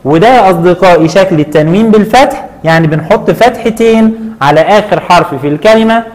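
High-voiced Egyptian teacher, patient. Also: male voice. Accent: Egyptian Arabic. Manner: patient, asks questions and answers them himself, stretches words slowly. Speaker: primary school Arabic teacher. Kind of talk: online lesson for children.

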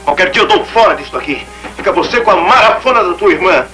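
Casting: surly fed-up husband, high animated voice, vintage film melodrama. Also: male voice, quick pace, faint music behind, low-quality recording. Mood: angry, fed up.

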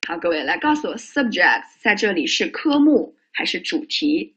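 Lively male English teacher, husky. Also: high voice, normal speed, muffled recording. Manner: lively, joking, asks the class questions. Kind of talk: exam listening lesson.

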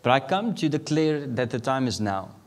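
Here the voice is mid-range and sing-song, moving at a moderate pace. He's a guest preacher in his thirties, a South African whose mother tongue is Afrikaans, giving a sermon in a large church on a handheld mic, chuckling regularly and climbing to emphatic statements.

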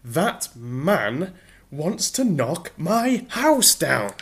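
A man's voice: mid-range voice, expressive, slow. A man reading a storybook voices a flustered, indignant Englishman lying in the mud, speaking in sarcastic, exasperated bursts.

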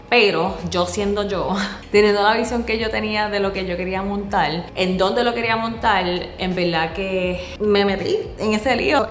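A woman in her thirties from Puerto Rico with a Puerto Rican accent, talking frankly and animatedly to camera in a casual vlog, mixing in English and swearing. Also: medium pitch. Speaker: vlogger. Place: open-plan office, indoors. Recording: roomy office echo, faint room noise.

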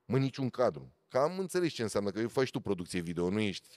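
A man, a motorsport commentator telling animated stories in a casual podcast chat. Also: dry recording. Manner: animated storyteller, swings loud and high for emphasis.

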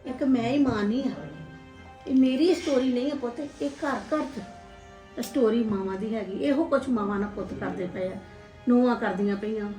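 A woman's voice: a little high, moderate pace, dark tone, lightly acted. A woman playing an elderly mother in a family drama, lamenting sorrowfully that her sons have neglected her. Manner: lamenting, sorrowful, breaks into tears. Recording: echoey room, mic far off, music behind.

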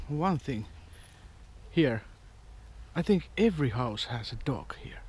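A man with a medium-pitched, animated voice and a little hiss or hum vlogs outdoors with the camera at arm's length. A van life vlogger on a casual walk through a quiet village park and street, he muses in a rambling, wry, unhurried way, often in short fragments.

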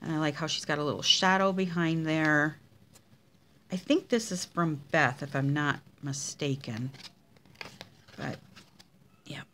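Brief: unhurried woman craft vlogger, lowish voice, chatty and admiring, faint background noise. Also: a bit bright. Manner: chatty, unhurried, gushing over each card. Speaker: craft demonstrator showing card swaps. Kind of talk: casual craft vlog.

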